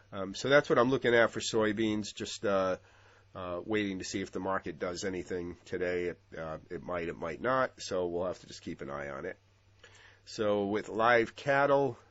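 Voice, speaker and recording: A man with a stuffy, congested voice from a cold, giving casual market commentary over trading charts, relaxed with lots of ums and uhs. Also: low-pitched, lo-fi sound. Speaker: futures trading analyst.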